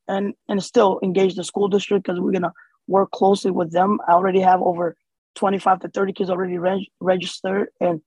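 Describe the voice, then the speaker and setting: This interview guest is a community organizer who was born in Somalia and grew up in the US. He speaks loosely and haltingly, with lots of fillers and false starts, in a high, somewhat mellow, husky voice. The recording is rough but free of echo.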